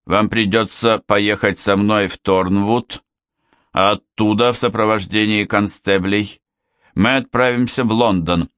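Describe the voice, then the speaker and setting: A man voicing a stern, dignified middle-aged police superintendent who speaks in a slow, measured way. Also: lowish voice, steady tone, a bit bright, clean tone, dry recording, studio quality.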